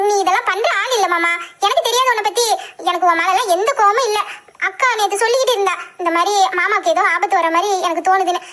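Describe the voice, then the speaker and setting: Someone voicing a very high, quick sweet young girl. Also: sharp tone. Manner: earnest, fond, giggly. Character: sweet affectionate young girl who adores her uncle. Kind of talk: audio drama acting.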